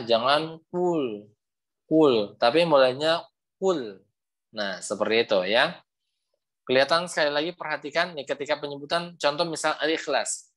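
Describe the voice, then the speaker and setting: A young man leads an online recitation class over a video call. He explains each point patiently, repeats himself often and draws out sample sounds slowly so learners can copy them. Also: medium pitch, fairly bright tone. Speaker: Quran recitation teacher.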